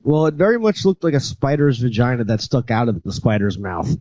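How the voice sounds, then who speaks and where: A man's voice: mid-range voice, very animated, fairly quick, darkish tone, no echo, dull audio. A man hosting a podcast, casually retelling a horror movie with many fillers and restarts. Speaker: podcast host. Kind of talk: casual chat.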